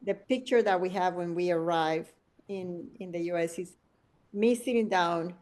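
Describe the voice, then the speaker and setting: Woman, middle-aged, from Venezuela, podcast host, reflective, storytelling, halting restarts. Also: lowish voice, a little mellow. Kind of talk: conversational interview.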